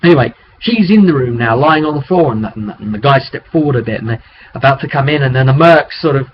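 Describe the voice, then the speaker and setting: This medium-pitched male voice is animated and quick. He's a game master rambling through a recap of a tabletop roleplay session like he's telling a story to friends. It's captured on a webcam mic, so the sound is dull and picks up background noise.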